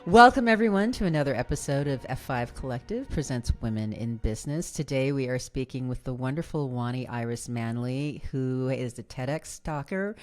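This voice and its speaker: Female podcast host, deep voice, bubbly and encouraging. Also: normal speed, hardly any pauses. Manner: bubbly, encouraging with short affirmations. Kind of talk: interview hosting.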